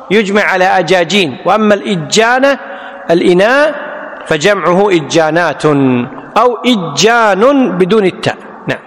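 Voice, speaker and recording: High-voiced male teacher. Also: a bit bright. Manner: repeats each word and quizzes students. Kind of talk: classical Arabic text lesson. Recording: long hall reverb.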